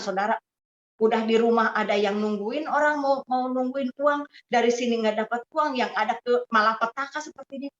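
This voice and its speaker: A woman giving an emotional personal testimony, telling her story in an animated way, acting out the quoted voices and speaking straight to her listeners. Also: fairly high pitch. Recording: echoey, dull lo-fi recording.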